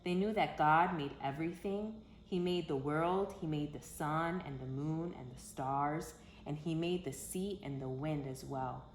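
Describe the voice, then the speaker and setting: Low-pitched and a little slow, with few pauses, a woman reads a picture book aloud for children. Her delivery is expressive, dramatic, and emphatic, captured in an echoey room with faint background noise.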